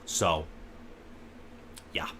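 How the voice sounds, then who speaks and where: A young man casually commenting on a football game as it happens, thinking aloud with relaxed asides. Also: very slow, slight background noise. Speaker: live reaction host.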